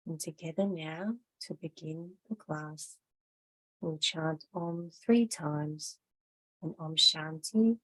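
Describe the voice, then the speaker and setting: A yoga teacher with a slightly low, breathy-edged voice guides her class very slowly and gently, giving measured instructions like a guided meditation. The recording quality is low.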